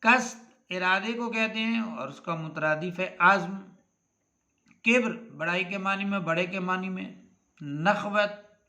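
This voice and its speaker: A male teacher with an Urdu accent, slowly reading out a list of words and their synonyms, repeating each pair. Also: sits high, bright, forceful tone. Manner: slow, deliberate, repeats each word and its meaning. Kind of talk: classroom lesson on synonyms.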